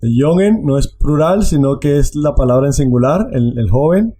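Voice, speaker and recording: A man's voice: fairly high pitch, expressive, normal speed, dark tone, slightly rough, faint music behind. A man teaching a language class, explaining patiently and repeating words to drill them.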